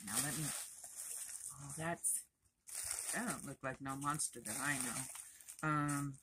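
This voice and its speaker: A woman crochet vlogger talking in a chatty, rambling, expressive way to her viewers. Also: rumbling low, takes it slowly, noisy background. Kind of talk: casual chatty vlog.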